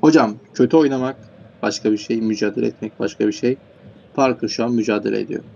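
A man does play-by-play commentary on an online football match, rattling off player names and rising sharply when goals go in. He talks fast in a low, darkish voice with vocal fry, and the audio is dull with slight background noise.

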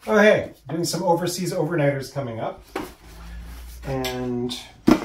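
A middle-aged man hosting a bushcraft channel, giving calm, practical step-by-step instructions outdoors in a park. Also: on the high side, measured pace, very noisy.

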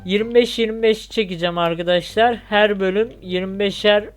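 Here the Turkish-accented young gamer sounds high-pitched yet steady and smooth, talking at a moderate pace. It's relaxed parkour gameplay commentary for his channel, full of jokes and chatter, punctuated by yelps at each fall.

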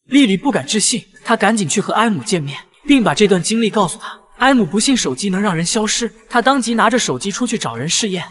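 High-pitched, quick male recap narrator. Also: big pitch swings, fairly bright tone. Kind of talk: scripted narration.

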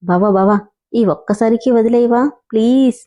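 A woman's voice: on the high side, moderate pace, warm tone, natural voice. A woman voicing a playful, affectionate young wife who coaxes and pleads with her husband. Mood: pleading. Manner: coaxing, pleading.

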